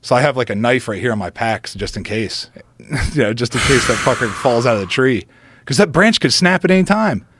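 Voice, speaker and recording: A man, a podcast guest, telling a story in an animated, profane way and acting out the quotes. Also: medium pitch, a little fast, a little hiss or hum.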